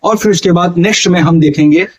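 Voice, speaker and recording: A man's voice: high-pitched, fast, rough recording. A man teaching an online exam-prep lesson, asking his viewers questions and answering them himself, drawing out the key syllables. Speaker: Hindi teacher.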